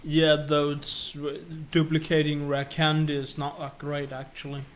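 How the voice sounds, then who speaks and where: A man with a fairly high voice explains things patiently in a casual podcast chat, now and then restarting his words. A faint noise runs behind him. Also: completely flat delivery, measured pace. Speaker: podcast co-host.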